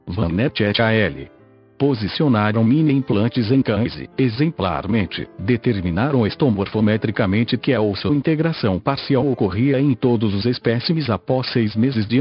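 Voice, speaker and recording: A man's voice: lowish voice, expressive, moderate pace. Synthetic male Brazilian voice, dull lo-fi sound. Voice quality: synthesized text-to-speech voice, like an old speech synthesizer. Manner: stiff, mechanical reading. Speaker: podcast host. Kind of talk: scripted narration, reading an article aloud. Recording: muffled lo-fi audio with music.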